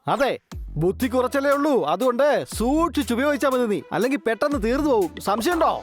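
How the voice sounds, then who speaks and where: A woman's voice: sits high, animated, fast. A woman voicing a clever, bossy male parrot in a cartoon dub, lecturing his friends. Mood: mocking. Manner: know-it-all lecturing. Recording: music behind.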